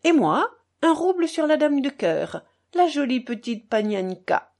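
A woman reading a novel aloud, voicing a fawning little old man with a high, simpering sing-song. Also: sing-song, a little slow, darkish tone, heavily acted. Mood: giddy.

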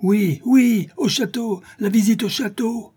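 A man voicing a hungry village mob that chants and yells in unison. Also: sits high, unhurried, husky, pitched above the performer's own voice. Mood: chanting. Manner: chanting, yelling.

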